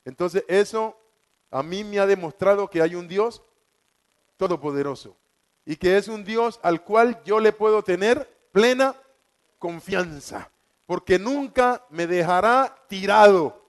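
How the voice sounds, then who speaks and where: High-voiced man preaching. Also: measured pace. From Colombia. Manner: fervent, repeats key words for emphasis. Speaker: preacher giving testimony. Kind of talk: evangelical testimony sermon.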